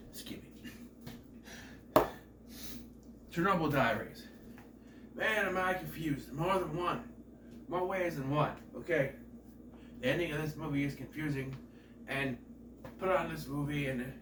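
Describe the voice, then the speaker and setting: Speaking at a measured pace with long pauses, a man in his thirties whose voice sits on the high side gives a rambling, jokey movie review while nasal from a cold. Asides and self-corrections abound, and the recording is echoey, noisy and far from the mic.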